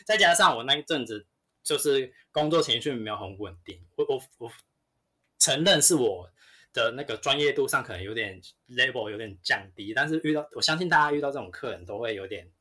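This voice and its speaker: A man's voice: medium pitch, animated, brisk, sharp tone. A man, a podcast co-host and store floor manager, telling a story in a profane, ranting way. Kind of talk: casual storytelling chat.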